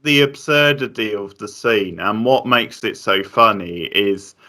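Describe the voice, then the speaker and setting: A man's voice: lowish voice, a little slow. A man co-hosting a casual film review, mostly chiming in with short agreement. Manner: relaxed, agreeing, short interjections.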